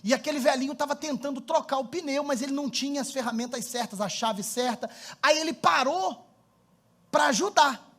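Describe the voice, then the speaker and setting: High-voiced Brazilian pastor preaching. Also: male voice, normal speed. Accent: Brazilian Portuguese. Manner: animated storytelling, building to fervent appeals. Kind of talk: sermon.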